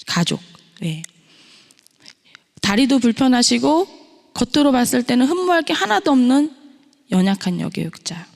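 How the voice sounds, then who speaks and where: A woman's voice: a little high, vocal fry. A middle-aged woman preaching a testimony sermon in a church, telling her story and posing rhetorical questions to the congregation. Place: church sanctuary. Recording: long reverb of a church hall.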